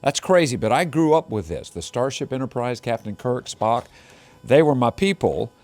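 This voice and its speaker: A man's voice: medium pitch, animated, normal speed, darkish tone. A man reporting live on a morning news show from inside a game shop, upbeat and joking with the people he meets. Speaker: field reporter.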